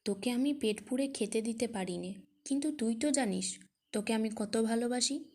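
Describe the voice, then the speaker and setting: A woman voicing a poor older farmer who speaks softly and tenderly in sorrow. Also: a little high, normal speed. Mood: grieving. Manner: soft, tender, grieving.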